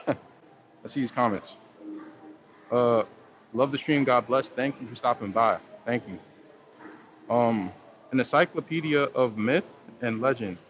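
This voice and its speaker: A man on a relaxed livestream works through viewer comments, rambling in slangy, loose speech with lots of fillers and restarts. He speaks at a measured pace and often pauses, his voice at an ordinary middle pitch. The audio is dull and lo-fi, with a faint background hiss.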